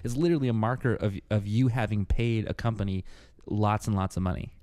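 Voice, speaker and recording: A man hosting a live music stream, chatting casually in a rambling, sweary, animated way. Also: fairly low pitch, brisk, no echo. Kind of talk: casual chat. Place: studio.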